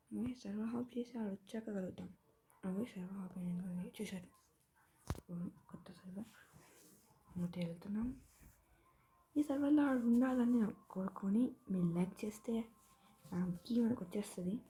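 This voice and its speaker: A woman hosting a gaming channel, giving casual gameplay commentary in soft, mostly whispered speech on a tablet mic. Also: medium pitch, moderate pace, pauses often, slight background noise.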